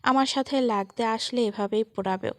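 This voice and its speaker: A woman voicing an angry, sharp-tongued young woman who snaps irritably in a storybook reading. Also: a little high, moderate pace, no room sound, lightly acted. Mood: annoyed.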